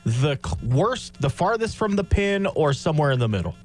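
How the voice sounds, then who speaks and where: A man's voice: a little high, sing-song, moderate pace, a little mellow, faint music behind. A man co-hosting a sports radio show, chiming in with questions and agreement. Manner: chimes in with short questions and agreement. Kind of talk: casual sports radio banter.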